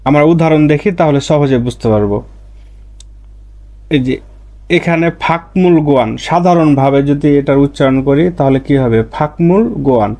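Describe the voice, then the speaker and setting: A man teaching Korean pronunciation rules, speaking slowly and repeating each example word with stress. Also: a little high, dark tone. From Bangladesh. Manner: slow, repetitive, stresses example words.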